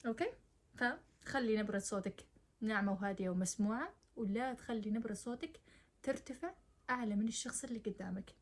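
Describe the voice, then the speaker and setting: A young woman, giving casual advice to the camera in a chatty, direct way and mixing in English words. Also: medium pitch. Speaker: advice vlogger.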